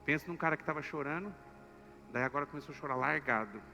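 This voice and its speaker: Male pastor, high, bright voice, animated storytelling, reverberant church. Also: quick pace, creaky. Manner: emotional and animated, acting out the story. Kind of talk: sermon storytelling. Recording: echoey church hall with soft music.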